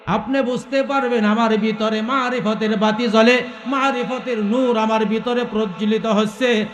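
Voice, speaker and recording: A man's voice: high voice, fairly even intonation, normal speed, echoey room, a little hiss or hum. A male preacher telling a story in a sermon, calling out questions to the crowd and breaking into melodic chanting.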